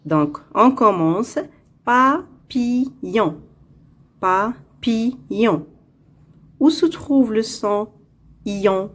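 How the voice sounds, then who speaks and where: A woman teaching a French phonics lesson, with an Arabic-speaking accent, saying each word slowly twice and counting its syllables. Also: mid-range voice, a little mellow.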